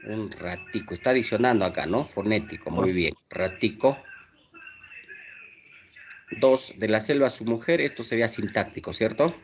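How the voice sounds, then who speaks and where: A man teaching an online language class, possibly with a Peruvian accent, moving quickly through exercises and checking in with his students. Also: on the low side, slight background noise. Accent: Peruvian Spanish. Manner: brisk, checks understanding with frequent tag questions.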